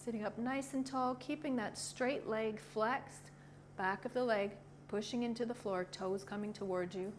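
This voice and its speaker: A woman leading a yoga class with short, calm cues in a gentle, encouraging, informal way. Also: on the high side, normal speed. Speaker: yoga instructor. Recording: clearly noisy ambient background.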